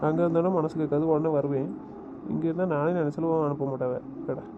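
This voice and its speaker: Guy w an on a muffled phone call, talks fast, teasing and bossy, lots of noise behind. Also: on the high side, fairly even intonation. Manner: teasing, bossy, gives repeated instructions. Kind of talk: casual phone conversation.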